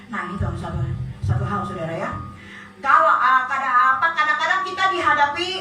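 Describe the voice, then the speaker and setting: A woman preacher telling a story in a sermon, often turning to address her congregation directly. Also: sits high. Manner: storytelling, often addressing listeners as brothers and sisters. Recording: echoey hall, distant mic, faint music.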